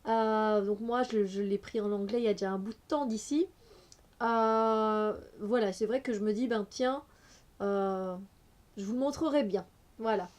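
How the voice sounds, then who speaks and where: A woman's voice: mid-range voice, normal speed, darkish tone. A woman with a cold, reviewing an oracle card deck in a casual, hesitant way with many fillers. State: has a cold.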